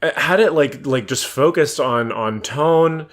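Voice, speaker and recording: A man co-hosting a casual podcast about films, talking in quick, excitable bursts with frequent restarts and swearing. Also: a little high. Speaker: podcast co-host. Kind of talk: casual film review chat.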